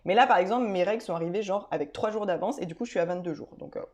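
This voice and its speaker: A woman's voice: mid-range voice, racing, a little mellow, dull audio. Woman chatting to her viewers, lots of ums and restarts, casual and direct. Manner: chatty, many filler hesitations and restarts; addresses viewers directly and informally. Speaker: vlogger. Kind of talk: casual explanatory video talk.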